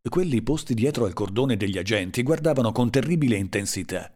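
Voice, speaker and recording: A man reading a literary story aloud in a slow, dramatic and measured way. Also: medium pitch, animated, darkish tone. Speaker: audiobook narrator. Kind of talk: scripted literary narration.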